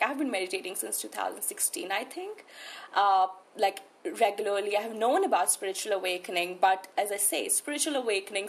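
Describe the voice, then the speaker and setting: A spiritual coach from India, speaking with an urban New Delhi accent, reflects on her own life as an interview guest. She is earnest and emphatic, often repeating words for emphasis. Her voice is mid-range, and the audio quality is poor.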